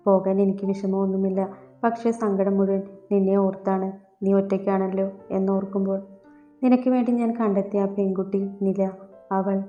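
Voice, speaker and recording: A woman voicing a frail, dying old grandfather who speaks in a weak, halting, pleading way in an audiobook story. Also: mid-range voice, lightly acted. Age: older. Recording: echoey, dull lo-fi with soft music.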